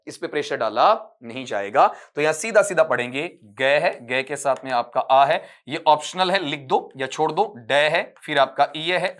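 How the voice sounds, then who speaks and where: A man gives an exam-prep English lesson in a voice pitched somewhat high for a man. He explains step by step, quizzes his students and calls them beta. When he reads English sentences or spells out words, he slows right down. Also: a bit bright. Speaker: English teacher.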